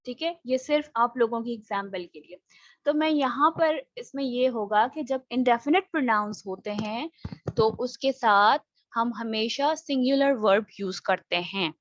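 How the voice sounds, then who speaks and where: A woman's voice: on the high side, a little slow, no room sound, muffled recording. A woman with a Pakistani accent teaching an online English grammar class, explaining patiently and mixing in English phrases.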